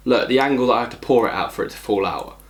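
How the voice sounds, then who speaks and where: A man hosts a casual beer review video from his table. He talks bluntly and swears a lot, sounding exasperated at times. A soft background hiss is heard under his voice. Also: medium pitch, quick pace. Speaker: beer reviewer, channel host. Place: at home, at a table.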